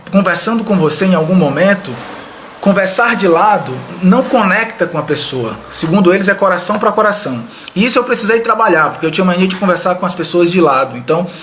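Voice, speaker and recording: Guy running a live leadership class, fairly high voice, chatty, keeps asking "right?". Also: fairly bright tone, a little hiss or hum. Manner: conversational, addresses viewers directly, frequent "né?" tags. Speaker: leadership trainer. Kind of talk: live online training talk. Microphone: video call style webcam mic.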